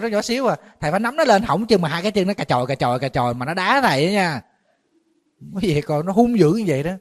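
Male monk, slightly high voice, storytelling dharma talk, a bit weary. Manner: conversational storytelling, animated when retelling shouting. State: a little tired. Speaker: Buddhist monk.

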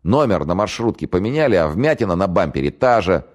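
A man voicing a calm, mocking male spy who taunts his pursuers. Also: deep voice, brisk, voice pushed up. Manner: cool and taunting.

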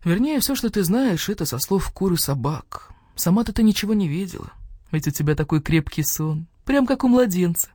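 A woman voicing a small, fit male mini-pig who speaks tenderly and gravely to his wife. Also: on the low side, animated, normal speed, mellow, no room sound, clean studio sound. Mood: earnest.

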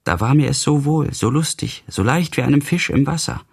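A man voicing a gentle, confused young madman in an audiobook reading, wistful and childlike in manner. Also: mid-range voice, animated, fairly quick, creaky, slightly rough, pitched above the performer's own voice.

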